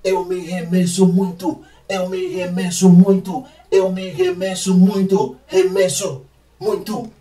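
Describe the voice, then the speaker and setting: A man's recorded voice comes back through a swirling flanger robot effect. He chants the same short line slowly and high up, and the tone is very dark and muffled. It sounds like a processed home recording played back in editing software. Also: completely flat delivery.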